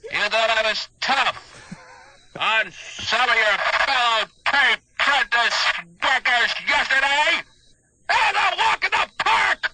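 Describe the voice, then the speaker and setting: A morning radio host booms out mock-stern announcements, his voice bubbling and gurgling as if he were underwater. His tone is sharp and very bright, and his pitch climbs and dips widely. He draws his words out slowly and theatrically into a studio mic. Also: lively intonation, a little hiss or hum, poor audio. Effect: underwater gurgling voice filter.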